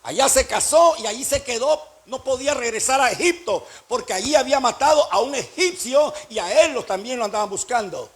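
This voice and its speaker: Male pastor, high husky voice, lively emphatic sermon delivery. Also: a little fast, few pauses. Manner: emphatic preaching with rhetorical questions to the congregation.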